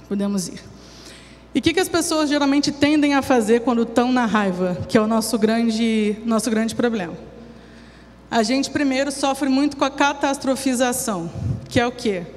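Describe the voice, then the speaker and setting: A woman's voice: on the high side, normal speed, darkish tone. A woman giving a talk at a church recovery program, explaining in a conversational way with everyday examples. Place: church hall. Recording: long hall reverb, faint hum.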